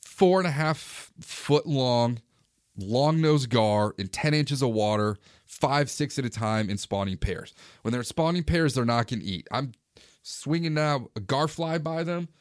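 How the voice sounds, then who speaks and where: A man in his forties, a fishing vlogger, casually recounting a day on the river in a relaxed, conversational way. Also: medium pitch, measured pace, clean tone, dry recording, studio quality. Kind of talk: casual first-person storytelling.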